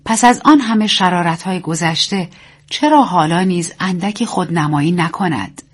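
A woman reading a story aloud as narrator, in a steady, measured reading. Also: on the low side, breathy edge. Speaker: audiobook narrator.

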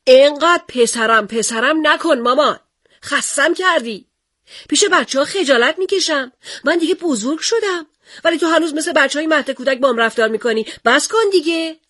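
A woman voicing her young schoolboy son, rude and impatient, who shouts his demands. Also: sits high, no room sound, clean studio sound, voice pushed up. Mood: impatient shouting.

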